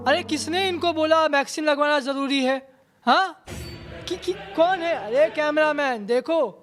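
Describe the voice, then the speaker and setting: A woman playing a stubborn, loud village man who argues as a quiz-show contestant in a comedy skit. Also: sits high, quick pace, faint music behind. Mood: defiant. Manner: brash, argumentative, rustic dialect.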